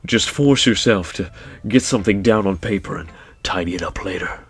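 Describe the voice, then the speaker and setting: Man playing a villainous young club president for a video game, breathy whisper, husky, low, slow and menacing. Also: soft background music. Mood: sinister. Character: sinister young female literature club president.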